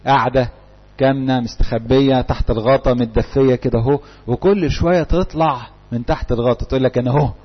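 Male Egyptian preacher, husky and quick, peppering listeners with questions; dull lo-fi recording. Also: mid-range voice. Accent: Egyptian Arabic. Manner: fires rhetorical questions at the audience. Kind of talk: interactive church talk.

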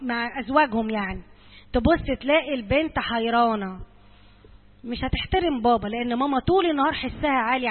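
Egyptian woman, church speaker, high and quick, repeats for emphasis, tinny hall recording. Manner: earnest, direct, frequently repeats points for emphasis. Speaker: church servant advising mothers. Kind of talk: church talk to mothers.

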